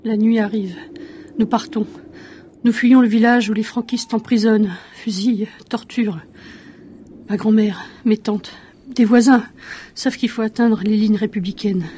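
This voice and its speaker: A woman narrating a story in the first person, hushed and at times whispering. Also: fairly high pitch, steady tone, measured pace, a little hiss or hum.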